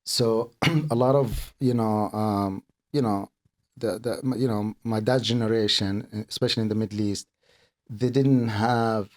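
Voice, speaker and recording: A middle-aged man from Kuwait, a guest speaking in a casual interview, earnest and halting, often repeating words as he explains. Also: fairly low pitch, fairly even intonation. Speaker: podcast guest, accountant and business owner.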